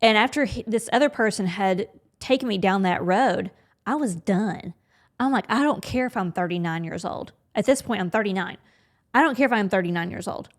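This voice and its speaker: A woman in a relaxed podcast conversation with her co-host, speaking frankly and easily. She thinks out loud and voices her own inner thoughts as she goes, in a middle-pitched voice. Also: fairly quick. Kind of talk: candid conversational podcast chat.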